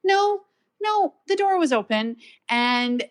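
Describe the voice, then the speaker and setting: A middle-aged woman co-hosting a podcast from home, telling a story in a chatty, animated way. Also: sits high, slow. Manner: chatty, animated storytelling with playful voices for pets. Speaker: podcast co-host. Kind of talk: casual storytelling chat. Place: at home with dogs nearby. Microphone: home mic on a live audio stream.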